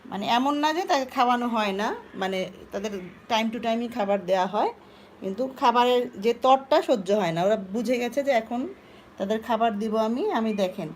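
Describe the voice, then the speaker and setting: A woman talks casually to viewers in a live home vlog. Her voice sits a little high, and she slips into coaxing baby talk with her pets. Faint room noise and cat sounds come through from behind. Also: moderate pace. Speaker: vlogger talking to her cats. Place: home indoors by a sliding glass door.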